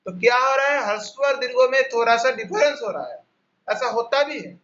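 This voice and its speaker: A man with a Bengali accent and a very high, bright voice teaches a class over a video call. He explains slowly, repeating each sound and spelling it out for his students. The audio is muffled and lo-fi, like a laptop mic on a call. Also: lively intonation. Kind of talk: online class lesson.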